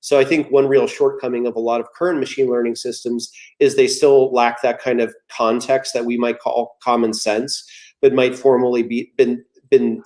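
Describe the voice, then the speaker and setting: Man in his 40s, guest on a chat, relaxed storyteller type, explains stuff with everyday examples. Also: mid-range voice. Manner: easygoing storyteller, explaining with analogies. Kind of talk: casual conversational talk.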